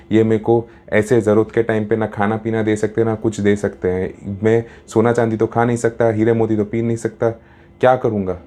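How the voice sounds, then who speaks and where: A man's voice: fairly low pitch, dark tone. A man telling a story in a casual, chatty way, mixing in English words, as a storyteller and happiness coach.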